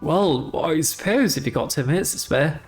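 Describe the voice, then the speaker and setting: A cheery headless ghost gardener, as a woman voices him for a game, talking in rustic working-class slang. His voice sits low and swings up and down as he chats. Soft music plays behind him. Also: lively intonation, moderate pace.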